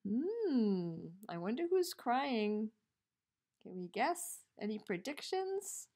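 Animated woman reading a picture book aloud. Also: on the high side, slow pace. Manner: animated, chatty asides to young listeners, dips into whispers. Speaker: teacher reading to children. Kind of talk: children's read-aloud.

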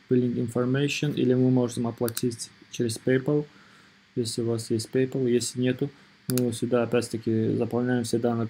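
A man narrating an informal screen tutorial as its presenter, in a hesitant, halting way, often repeating himself. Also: medium pitch, warm tone, a little hiss or hum. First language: not Russian or rusty Russian speaker living abroad.

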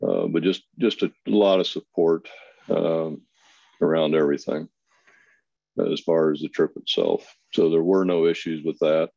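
A man in his fifties from Kansas giving a volunteer talk on a webinar, plainspoken and pausing often with fillers. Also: a bass voice, fairly even intonation, creaky, dark tone, no echo. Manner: plainspoken, many pauses and fillers. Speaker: volunteer consultant speaker. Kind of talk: webinar presentation. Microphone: video call. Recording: dull, lo-fi webinar audio.

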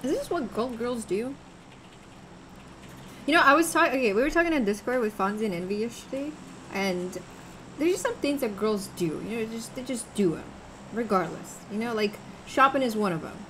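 A young woman streaming a game, chatting casually and yelling out when she's startled. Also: on the high side, expressive, normal speed, slight background noise. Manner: jumpy, yells suddenly, chatty. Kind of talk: casual gaming chat.

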